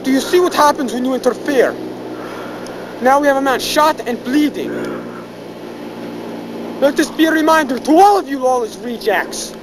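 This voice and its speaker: Man playing a high-pitched, menacing camp commander. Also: animated, normal speed, pauses often. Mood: menacing, commanding. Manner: declamatory, threatening. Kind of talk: dramatic acting. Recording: noisy recording with background rumble.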